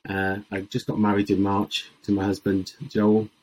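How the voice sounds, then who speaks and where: A man's voice: on the low side, monotone, normal speed, darkish tone, rough recording. A man, chatting casually and digressively as a podcast guest. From Swansea, Wales, and Botswana. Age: 40s. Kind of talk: casual conversational interview.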